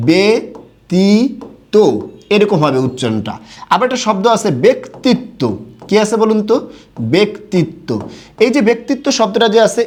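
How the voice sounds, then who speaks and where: A young man teaching a Bengali grammar lesson, asking questions and answering them himself. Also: sits high. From Bangladesh. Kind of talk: recorded classroom lesson.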